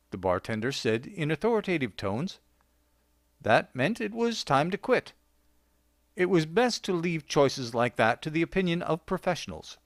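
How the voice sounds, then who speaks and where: A man reading a short story aloud with a wry, deadpan delivery. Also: a little high, dry recording, clean studio sound. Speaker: narrator.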